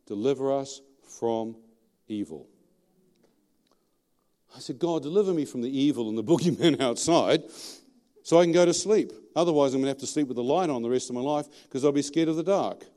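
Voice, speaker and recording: A middle-aged Australian man preaching his testimony in a lively, colloquial storytelling manner, often putting questions to the audience. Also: medium pitch. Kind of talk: storytelling sermon.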